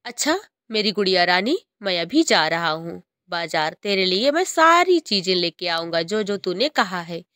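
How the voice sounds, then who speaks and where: A woman voicing a kind father bird in a cartoon story, speaking gently and reassuringly. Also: lowish voice, big pitch swings, normal speed, no echo, clean studio sound. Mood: tender. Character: kind, loving adult male father bird.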